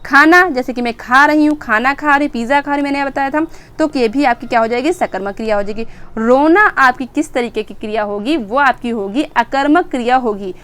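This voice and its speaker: A woman's voice: sits high, a little fast, fairly bright tone, smooth. A woman teaching an exam-prep grammar lesson, asking questions and answering them herself and repeating key words.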